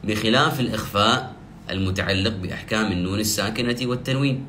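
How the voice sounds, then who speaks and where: A man teaching the rules of Quranic recitation, explaining step by step and slowly drawing out the example verses he recites. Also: lowish voice, pushed and bright, slight background noise. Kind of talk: tajweed lesson.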